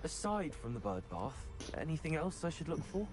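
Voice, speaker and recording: An actor playing a calm, curious young wizard hero in a video game. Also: male voice, on the high side, moderate pace. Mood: measured. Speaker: game protagonist. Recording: game audio with music underneath.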